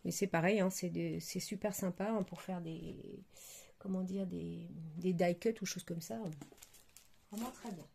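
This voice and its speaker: A woman talks through craft supplies in a relaxed show-and-tell. Her voice has a gravelly, mellow texture. She hesitates often and fills her pauses while hunting for words. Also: on the low side, slight background noise. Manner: hesitant, many fillers and searching for words. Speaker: crafting vlogger. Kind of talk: casual product show-and-tell.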